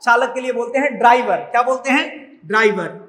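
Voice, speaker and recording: A male teacher with a very high, bright voice, speaking, runs a classroom lesson. He says each word slowly, repeats it, and quizzes his pupils on it. The sound rings with a long, roomy echo. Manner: repeats words slowly, drilling with questions. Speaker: Sanskrit teacher. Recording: echoey room.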